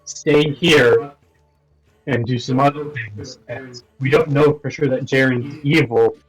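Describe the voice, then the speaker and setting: A man's voice: medium pitch, fairly even intonation, takes it slowly, soft background music, rough recording. A man playing a tabletop game over push-to-talk voice chat, his audio choppy and cutting in and out, speaking in hesitant, trailing phrases.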